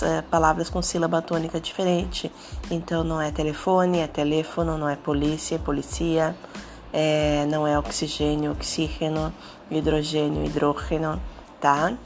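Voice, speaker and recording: A Brazilian woman with a deep, low voice gives a patient language lesson. She speaks with a Brazilian Portuguese accent and keeps checking that her listener follows. Soft music plays faintly behind her. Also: creaky. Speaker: Spanish teacher.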